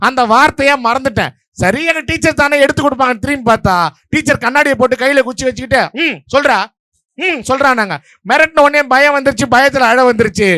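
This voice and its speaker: High-voiced man giving a rapid stage verdict. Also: sharp tone, dry recording, studio quality. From Vellore district, Tamil Nadu, India. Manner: rapid, story-driven, playful. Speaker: debate judge giving the verdict. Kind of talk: humorous stage speech to a live audience.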